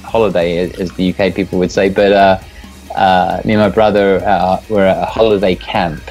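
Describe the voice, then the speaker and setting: A deep-voiced middle-aged man with an English accent, talking as a guest on a video call from a room at home. He rambles in a relaxed way and swears casually, with faint music behind him. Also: normal speed, rough recording. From England. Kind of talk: casual interview chat. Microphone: earphone mic on a video call.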